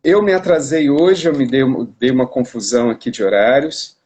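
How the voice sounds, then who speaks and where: A man's voice: medium pitch, animated, moderate pace, a little mellow. A man from Brazil hosting a casual live-stream interview, talking in a chatty way with many restarts, recorded on a phone. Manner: chatty, repeats words and restarts. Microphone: phone on a live video stream.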